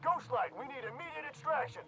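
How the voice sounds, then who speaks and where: A high urgent soldier on police-style radio. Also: male voice, animated, a little fast. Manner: urgent, profane radio shouting. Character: urgent male soldier calling for extraction. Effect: crackly police-style radio transmission. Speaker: soldier in a video game. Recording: distant radio voice over game music.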